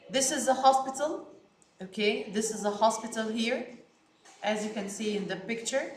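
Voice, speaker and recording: An Egyptian woman whose first language is Arabic teaches English vocabulary to children, repeating each word slowly and stressing it. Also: fairly high pitch, a bit bright, echoey room. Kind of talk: slow classroom vocabulary lesson.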